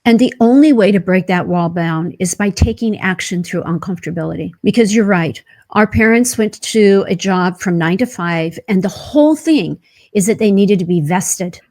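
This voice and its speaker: Woman podcast guest, mid-pitched, earnest coaching delivery, leans on rhetorical questions. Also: normal speed, darkish tone. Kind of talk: conversational interview.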